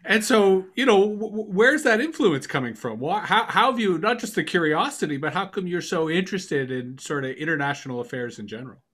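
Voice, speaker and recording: Brief: man, bright, forward voice, somewhat high, curious interviewer. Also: lively intonation, a little fast, few pauses. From Canada. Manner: engaged, curious questioner. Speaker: podcast co-host. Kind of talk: casual interview conversation.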